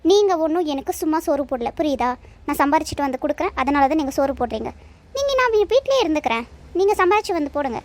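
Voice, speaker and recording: A woman's voice: sits high, big pitch swings, racing. A woman voicing a firm, indignant cartoon working wife who argues back. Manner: firm, arguing.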